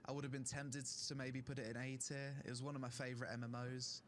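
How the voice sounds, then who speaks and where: A man's voice: mid-range voice, level tone, fast, a bit bright. A young man streaming, giving casual opinionated rankings of online games with fillers, his throat strained from talking. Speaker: gaming streamer. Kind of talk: casual tier-list commentary.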